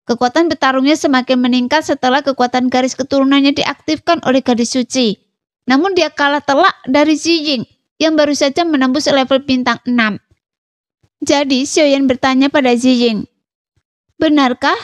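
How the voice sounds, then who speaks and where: A woman reading a fantasy story aloud as narrator, in an even, read-aloud delivery. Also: sits high, moderate pace, dry recording, muffled recording. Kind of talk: scripted narration.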